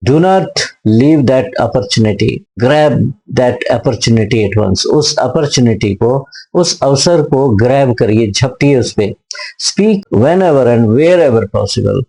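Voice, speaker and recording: A man lecturing on speaking skills, who reads each English tip slowly and then explains it in Hindi, often repeating a point in several words. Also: medium pitch, dark tone, poor audio. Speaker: teacher.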